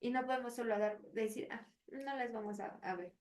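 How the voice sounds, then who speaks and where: A woman with a Mexican Spanish accent, co-hosting a parenting podcast as a psychologist, telling stories in an animated way with acted quotes. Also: a little high, fairly quick, far from the mic. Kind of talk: casual podcast chat.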